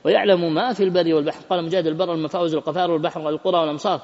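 A man's voice: on the high side, fairly even intonation, darkish tone. A man reading a classical Quran commentary aloud at speed, stumbling and repeating words as he goes. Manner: rapid reading with self-corrections and repeated words. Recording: dull lo-fi audio with long reverb.

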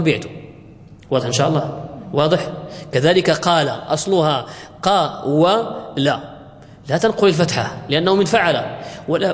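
A fairly high-pitched man teaches grammar in a classroom lecture, working through each rule step by step. He stretches out the example words slowly and keeps asking his listeners whether it is clear. His voice carries a long echo, as in a large hall. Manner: drawn-out recitation of example words. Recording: reverberant hall.

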